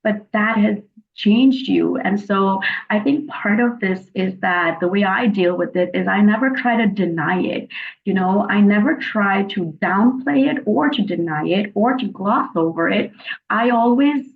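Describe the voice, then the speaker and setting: A woman guest on a podcast, talking in an earnest, emphatic way and slowing down to stress key phrases. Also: mid-range voice, vocal fry. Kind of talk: reflective interview talk. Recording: tinny phone-like remote call audio.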